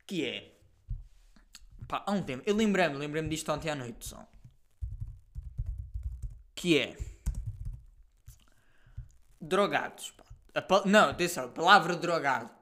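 A young man with a European Portuguese accent hosts a casual solo podcast, telling stories in a lively, slangy style packed with fillers and the occasional swear word. His voice is slightly high, and he speaks unhurriedly with long pauses.

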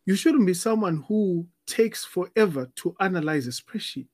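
High-voiced man explaining with analogies. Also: lively intonation, moderate pace, darkish tone, no echo, studio quality. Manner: explains with analogies, stutters on restarts. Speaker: podcast co-host giving dating advice. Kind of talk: casual conversational podcast.

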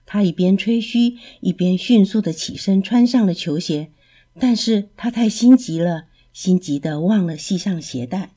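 A woman narrating a children's story in a lively, expressive way. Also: medium pitch, normal speed, slightly rough.

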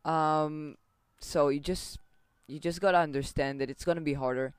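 A young man co-hosting a casual podcast, giving relaxed, reassuring advice with lots of fillers. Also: fairly high pitch, normal speed, clear, resonant tone, no room sound. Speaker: podcast co-host. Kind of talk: casual chat.

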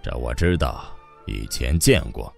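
Man voicing a low murmuring grave official. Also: lively intonation, faint music behind. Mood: grave soothing. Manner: quiet, murmuring, measured. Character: calm middle-aged male official, soothing and grave.

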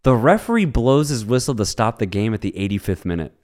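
A man's voice: on the low side, a little fast. A man co-hosting a casual sports podcast, telling a story with lots of laughs and swearing and acting out what people said. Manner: animated storyteller, acts out quotes, laughs often, swears. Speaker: podcast co-host.

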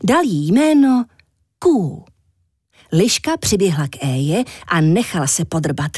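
A woman narrating a children's story in an expressive, animated storybook reading. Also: on the low side, slightly rough, no room sound, studio quality.

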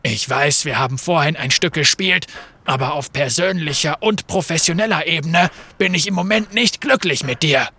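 Male narrator doing a gruff, grumbling bruiser in an audiobook, bright-edged tone. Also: a little high, moderate pace. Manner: grumbling, dark and brooding. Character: gruff, sulky burly male outlaw bruiser.

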